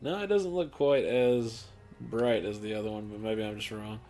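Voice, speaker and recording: A man's voice: on the low side, normal speed, dark tone, soft background music. A man casually talking through a video game's character creator, rambling and offhand with lots of fillers, tired and yawning late at night. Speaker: gaming channel host. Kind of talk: casual gameplay commentary.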